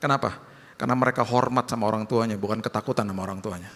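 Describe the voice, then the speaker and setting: A man's voice: fairly low pitch, steady tone, very fast, fairly bright tone. A male pastor preaching a sermon in a conversational way, often acting out quoted voices. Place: large church hall. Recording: long church hall reverb.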